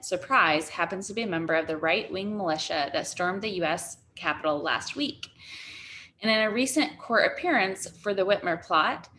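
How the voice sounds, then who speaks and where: A woman's voice: mid-range voice, bright, forceful tone, a little hiss or hum. A woman co-hosting a talk show, reading a news article aloud for listeners. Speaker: co-host.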